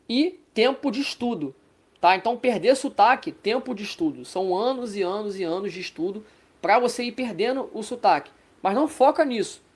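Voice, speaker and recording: A language teacher with a Brazilian Portuguese accent gives a casual online lesson in a mid-range, darkish-toned voice. She chats along and often checks in with her listeners, ending phrases with "tá?".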